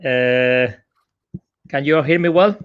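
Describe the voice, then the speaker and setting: Guesting on a live stream, a digital marketer from Spain chats casually from his home sofa with a Spanish accent. His mid-range voice is clear and resonant, and he speaks slowly, hesitating and using plenty of fillers, over lo-fi sound.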